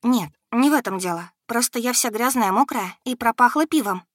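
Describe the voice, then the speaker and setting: A woman voicing a weary, polite young tavern serving girl, her voice a bit higher than her narration. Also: lively intonation, normal speed, no echo, clean studio sound. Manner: polite, strained, hoarse at times.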